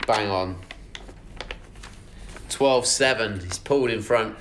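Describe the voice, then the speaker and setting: A man's voice: on the low side, slow pace, a bit bright, slight background noise. A man, hosting a podcast and running a casual football quiz, keeping score and teasing the players. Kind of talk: casual pub quiz banter.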